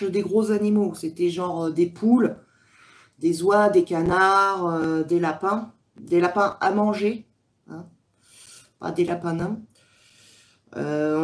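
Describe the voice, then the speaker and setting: A woman from France, chatting casually with viewers on her livestream, rambling with many fillers. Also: medium pitch. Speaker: livestream host. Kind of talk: casual live chat reading comments.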